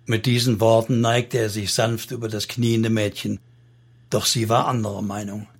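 A man narrating a solemn story in steady, scripted audiobook style. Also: lowish voice, normal speed.

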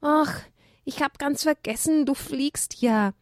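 A woman's voice: high voice, slow pace, no room sound, clean studio sound, voice pushed up. Woman doing an eager pleading donkey foal. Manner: pleading, breathless begging. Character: eager impatient young male donkey foal.

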